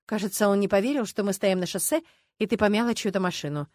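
Brief: narrator's own voice for a serious calm woman, dry close sound. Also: medium pitch, fast, no echo, close to an everyday voice. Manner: steady, level, earnest. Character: calm, composed grown woman, serious, principled.

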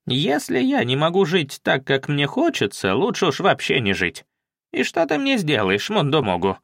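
Мужчина озвучивает упрямую старую деревенскую женщину, которая насмешливо и с вызовом спорит с вождём и знахарем. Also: male voice, fairly high pitch, wildly swooping pitch, moderate pace, vocal fry, fairly bright tone, no room sound, clean studio sound, voice pushed up, heavily acted. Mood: defiant. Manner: mocking, defiant. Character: stubborn defiant old village woman.

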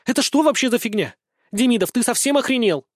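A man's voice: high-pitched, normal speed, a little mellow, no echo, studio quality, voice pushed up, close to an everyday voice. A man reading an audiobook, voicing a bold, pushy young woman who leads a fencing club, in a raised voice. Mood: insistent.

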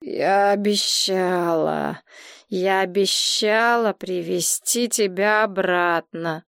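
A woman voicing a tipsy, capricious young woman who talks in a slow, slurred and whiny way, recorded dry and close. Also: medium pitch, vocal fry, a bit bright, no room sound. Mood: whiny drunk.

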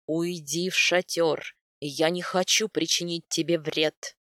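A woman voicing a furious, domineering male steppe warrior in an audiobook, speaking low and menacing. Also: fairly even intonation, takes it slowly, no echo, studio quality. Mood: weary anger. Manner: growling, menacing, loud. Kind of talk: audiobook character voice.

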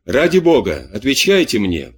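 A man voicing a frightened young farm daughter in a raised, pleading husky voice. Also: mid-range voice, wildly swooping pitch, normal speed.

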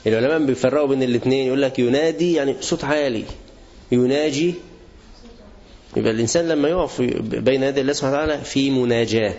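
A man's voice: mid-range voice, very fast, darkish tone. A man with an Egyptian accent teaching a religious lesson to students, asking the class questions and answering them himself. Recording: dull lo-fi recording.

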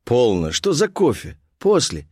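A man's voice: mid-range voice, wildly swooping pitch, measured pace, dark tone, slightly rough, no room sound, clean studio sound, full character voice. A man playing an impatient eager officer. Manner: impatient exclamations.

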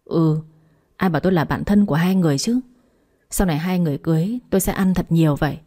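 Storybook best friend, upbeat and reassuring, read by a woman, low mellow voice. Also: quick pace, close to an everyday voice. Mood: encouraging. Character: encouraging young woman, loyal best friend.

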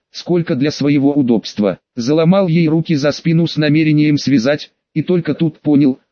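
A man's voice: on the high side, darkish tone, no echo. A man reading a first-person audiobook in a wry, conversational storytelling manner. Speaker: audiobook narrator. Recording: dull lo-fi dry recording.

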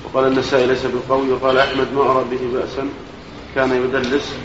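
قارئ سريع رتيب من بعيد. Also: male voice, mid-range voice, monotone, very fast. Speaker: student reading a reference entry. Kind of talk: fast flat reading from a reference book. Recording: distant, echoey, noisy lo-fi recording.

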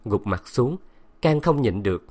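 A man narrating a novel in an even storytelling delivery. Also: medium pitch, moderate pace. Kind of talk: audiobook novel reading.

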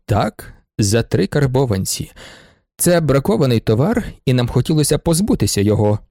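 A man reading aloud and voicing a calm, decisive middle-aged merchant. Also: medium pitch, fast, no room sound, clean studio sound. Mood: firm. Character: calm, firm male shopkeeper, middle-aged.

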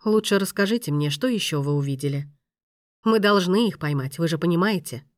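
Woman doing a stern, composed maestro, low and firm, dry audiobook read. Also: brisk, no echo, natural voice. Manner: calm, firm, lowered voice.

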